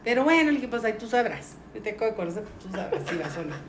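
A woman's voice: medium pitch, racing, a crowd in the background. A middle-aged woman with a Mexican accent, a podcast guest casually telling a story and acting out the voices of the people in it. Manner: lively, acts out the voices of people in her story. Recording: roomy recording with faint noise.

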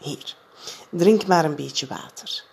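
A woman voicing a gentle mother who soothes her child in a reassuring, lilting voice. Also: sits low, slow, vocal fry, breathy edge, full character voice. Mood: soothing.

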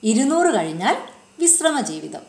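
A woman voicing a gentle, patient alien boy who explains his world. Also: fairly high pitch, sing-song, moderate pace. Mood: explaining. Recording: roomy echo.

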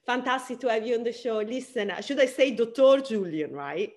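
A woman hosting an interview show, upbeat and animated as she introduces and questions her guest. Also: fairly high pitch, normal speed. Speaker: host.

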